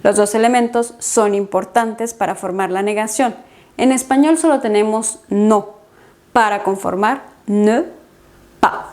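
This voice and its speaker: Slow, careful woman teaching French. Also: medium pitch, darkish tone. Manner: slow, careful dictation of conjugations. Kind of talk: language lesson.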